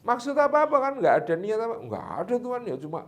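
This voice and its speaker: A man telling a religious tale in a relaxed, animated chat. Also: extremely high pitch, fast talker, a little hiss or hum. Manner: lively, animated, laughs at his own story. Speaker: religious storyteller. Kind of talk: casual storytelling chat.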